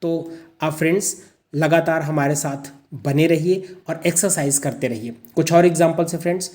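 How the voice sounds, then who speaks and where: A man's voice: on the high side, steady tone, normal speed, a little mellow. A man teaching English grammar in Hindi mixed with English. He repeats each example word twice, asks rhetorical questions and answers them himself, and keeps calling his listeners friends.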